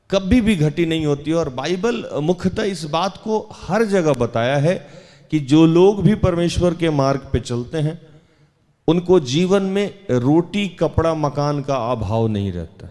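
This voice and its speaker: Man, preacher, sermon, slow deliberate delivery, dark voice, reverberant room. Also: on the high side. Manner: slow deliberate reading, then rising emphatic preaching. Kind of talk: Hindi sermon with Bible reading.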